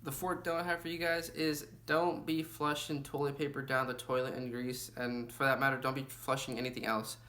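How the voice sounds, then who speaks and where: A man's voice: mid-range voice, level tone, brisk, few pauses, bright, forceful tone. Chatty young man giving travel tips. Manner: chatty, lots of fillers like "you know" and "like". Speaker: travel vlogger. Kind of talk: casual travel tips to camera.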